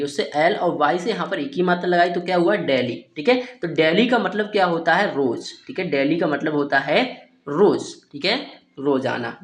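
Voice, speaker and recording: A man teaching Hindi speakers to read English words, spelling them out letter by letter and asking questions he then answers himself. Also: on the high side. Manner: repeats "ठीक है" and asks-then-answers questions. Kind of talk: phonics lesson for Hindi speakers. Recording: roomy echo.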